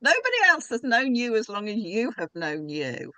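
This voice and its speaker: A woman's voice: fairly high pitch, very animated, moderate pace, pushed and bright, dry recording, rough recording. Brief: woman podcast guest, mid-range voice, reflective and advising, dry close sound. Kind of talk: casual podcast conversation.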